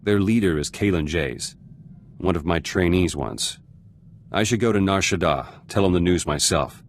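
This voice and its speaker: Zenith, very low, curt guerrilla fighter. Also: male voice, moderate pace, a little hiss or hum. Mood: resolute, curt. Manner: clipped, terse fragments, blunt. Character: gruff, guarded revolutionary fighter turned politician, curt and cynical. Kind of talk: video game character dialogue.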